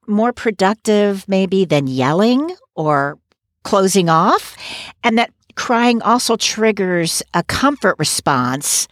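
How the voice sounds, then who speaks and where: A mid-range female voice co-hosts a podcast, casually recapping things in a lively, opinionated way and laughing as she makes her points. The studio audio is clean with no echo.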